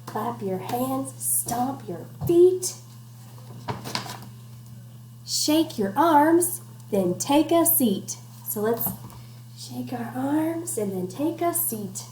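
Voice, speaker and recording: A woman teacher with a high, expressive, mellow voice reads a picture book aloud slowly to children at home, keeping it interactive with questions and instructions. She is indoors in an echoey room with faint background noise.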